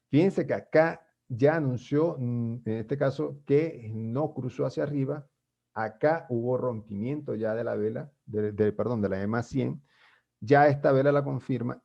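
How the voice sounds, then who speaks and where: A man's voice: medium pitch, gravelly, mellow, highs cut off. A man explaining chart trading in a screen-share tutorial, talking formally to viewers with many fillers and restarts. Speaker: trading instructor.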